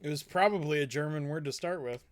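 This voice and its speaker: A man's voice: on the high side, fast. A man playing a tabletop game, wry and blunt, swearing casually. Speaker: player.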